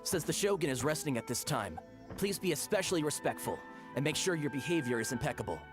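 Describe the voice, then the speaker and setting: A by-the-book gate guard, as an actor plays him, speaks in formal, officious tones. His voice is a little high and swings up and down, with game music underneath. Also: expressive, quick pace, lightly acted. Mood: stern.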